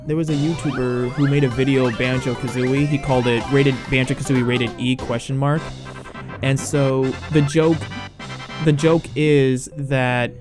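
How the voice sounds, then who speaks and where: Guy rambling thru a let's play, lots of ums and restarts, mid pitch, soft game music behind. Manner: rambling, halting with many fillers and restarts. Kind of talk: casual gameplay commentary.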